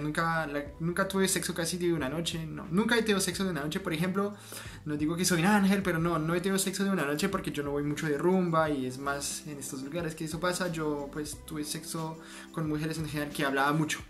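A French man whose first language is French, telling an animated, self-mocking story to camera in a casual vlog. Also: fairly high pitch, brisk, soft background music. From France. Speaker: vlogger.

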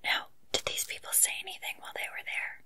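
A woman in a whispered role-play as an earnest, unsure investigator, breathy and gently coaxing as she questions a witness. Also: quick pace. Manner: hesitant, coaxing, soft-spoken questioning.

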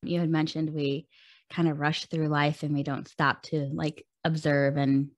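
Low gravelly-voiced woman podcast host. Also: level tone, measured pace, no room sound. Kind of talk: interview conversation.

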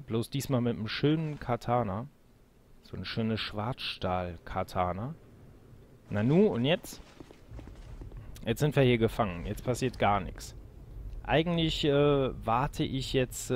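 A let's player talks over game music in a casual, chatty way, treating his viewers like friends. His voice sits at a medium pitch, with a slight hiss or hum on the recording.

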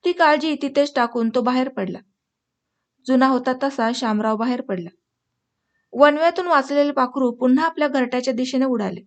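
A woman with a high voice reads a short story aloud for an audiobook channel. Her delivery is measured and expressive, and she turns to her listeners at the close. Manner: measured, expressive reading, addresses listeners at the end. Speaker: audiobook narrator.

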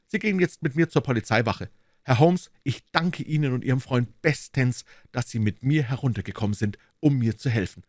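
A man voicing a stern young male police inspector who questions with sharp demands, in a storybook reading. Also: medium pitch, a little fast, dry recording, clean studio sound, pitched above the performer's own voice, lightly acted. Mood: curt.

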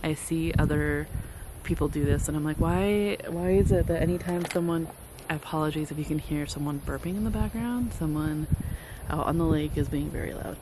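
A woman's voice: low-pitched, normal speed. A woman in her thirties, a book vlogger chatting casually and rambling with frequent ums, filmed outdoors at a lakeside campsite on a phone held at arm's length. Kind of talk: casual chat. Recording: outdoor phone audio with background noise.

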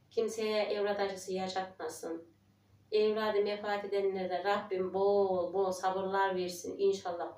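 A woman's voice: mid-range voice, roomy sound, distant mic. A woman in her forties, talking emotionally to her viewers in a trembling, prayerful voice. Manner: emotional, tearful, prayerful, quoting others. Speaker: village life vlogger. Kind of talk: emotional casual chat to viewers.

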